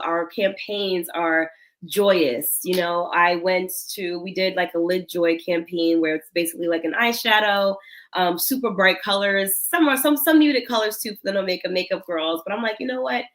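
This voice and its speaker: Here the Senegalese cosmetics founder, in her thirties, sounds on the low side as she answers interview questions. Her manner stays reflective and sincere, broken by small laughs. It's a low-quality recording.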